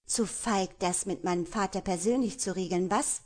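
Young woman heroine, fiery, stubborn, sharp, defiant, read by a woman. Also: medium pitch, moderate pace, natural voice.

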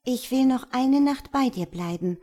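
A woman's voice: expressive, a little slow, warm tone. A woman reading a fairy tale aloud and voicing a kind-hearted, loyal little female swallow in a raised, pleading voice. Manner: high pleading storytelling voice.

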